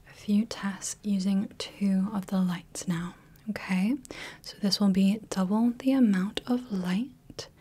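An ASMR creator with a mid-range voice plays a gentle female clinician running light tests on the viewer's eyes in a whispered role-play. Her whisper is breathy, mellow, and husky, and she speaks softly and slowly, checking in kindly and reassuring at every step.

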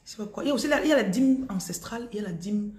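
A woman's voice: mid-range voice, expressive, rapid-fire, darkish tone. A woman with a Cameroonian French accent reads viewers' energies on a live stream, repeating each name before she gives blunt advice. Her voice sits in the middle of the range. She talks into a phone in a room with a noticeable echo. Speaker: spiritual reader on a live stream. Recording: roomy echo.

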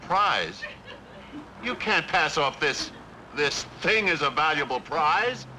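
An actor playing a sensible police partner who sounds anxious and doubtful. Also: male voice, a little high, lively intonation, takes it slowly, pushed and bright, slight background noise, heavily acted, low-quality recording. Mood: worried.

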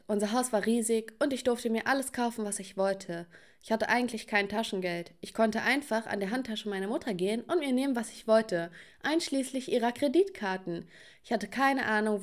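Woman narrating a first-person storytime. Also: mid-range voice. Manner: first-person, addresses viewers.

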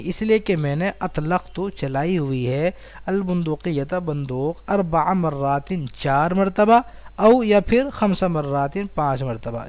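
A man with an Indian Urdu accent, his voice pitched a little high, teaches a recorded Arabic lesson. He reads each phrase aloud and then explains its words one by one. The sound is dry, with almost no room echo. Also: a little mellow. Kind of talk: recorded online lesson, reading and translating.

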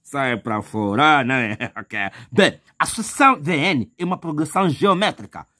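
Higher-voiced male math teacher, chatty. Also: sing-song, normal speed, pushed and bright, breathy edge. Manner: chatty, addresses viewer as "meu irmão"; repetitive, thinks aloud with fillers. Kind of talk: math lesson walkthrough.

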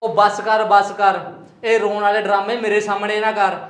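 A man's voice: sits high, flat delivery, normal speed, a bit bright. A man playing a drunk, confrontational male tenant in a family drama, accusing and aggressive. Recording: echoey room, faint music.

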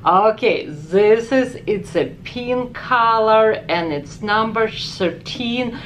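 A Ukrainian beauty vlogger in her forties, heavily accented, reviews and swatches makeup at a department store counter indoors, chatty and enthusiastic with frequent exclamations. Her voice is a little high and slow, caught close up on camera with a little hiss or hum.

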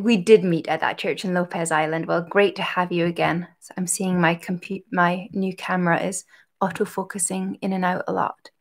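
A woman teaching a live-streamed harp lesson, explaining technique gently and encouragingly, with pauses to greet viewers and answer their comments. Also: medium pitch.

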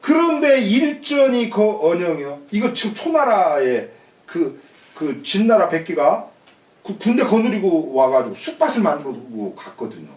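A man's voice: sits high, very animated, moderate pace, darkish tone. A man teaching a classical Chinese text, glossing each phrase and then restating it in plain everyday speech. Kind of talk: explaining a classical text line by line. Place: room in a rural community shelter. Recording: echoey room, mic far off.

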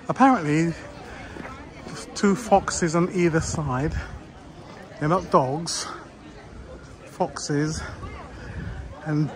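A man filming a casual travel vlog outdoors, chatty and enthusiastic, out of breath from walking. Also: a little high. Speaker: videographer. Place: outdoors at a shrine. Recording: outdoor noise.

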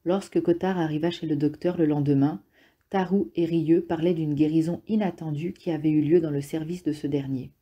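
A woman reads an audiobook in a steady, even manner. Her voice is low and very dark, with a husky grain. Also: fairly quick, lo-fi sound. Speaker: audiobook reader. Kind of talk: audiobook narration.

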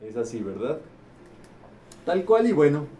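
A man's voice: on the high side, big pitch swings, unhurried, warm tone, a little hiss or hum. A man facilitating a group teaching session, asking the participants questions and repeating their answers back with a frequent "¿verdad?". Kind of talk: interactive group teaching talk.

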